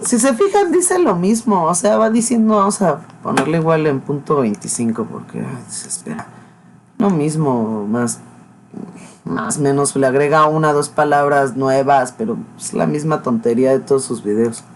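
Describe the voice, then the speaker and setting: A man's voice: on the high side, lively intonation, normal speed, a little hiss or hum. A man with a Mexican accent hosting a reaction video, making sarcastic, mocking remarks. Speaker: host. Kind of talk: reaction commentary.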